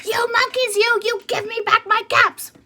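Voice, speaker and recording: Woman doing a shrill, furious old cap peddler. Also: lively intonation, a little slow, pushed and bright, a little hiss or hum, exaggerated voice. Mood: angry. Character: exasperated male cap peddler, shouting at monkeys.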